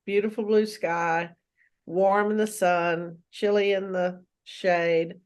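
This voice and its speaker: A woman's voice: fairly low pitch, fairly even intonation, slow pace, clear, resonant tone. An older woman, a therapist and life coach, chatting casually as a guest, sounding stuffy from allergies. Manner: chatty and laughs easily. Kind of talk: casual chat.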